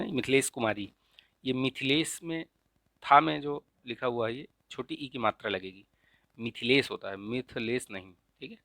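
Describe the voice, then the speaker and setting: A man teaching an exam-prep lesson in a casual, explanatory way, often checking in with "ठीक है?" and slowly repeating correct spellings. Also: mid-range voice, fairly bright tone, no room sound. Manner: frequent checks of "ठीक है?" and filler "अ"; repeats the right spellings slowly to stress them. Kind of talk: casual explanatory lesson, walking through a paper.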